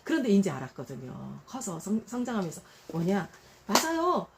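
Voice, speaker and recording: A woman's voice: mid-range voice, moderate pace, creaky, background noise. A middle-aged woman preacher giving a devotional Bible talk, conversational and full of rhetorical questions, acting out quotes in a raised voice. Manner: animated, acts out quotes in a raised voice.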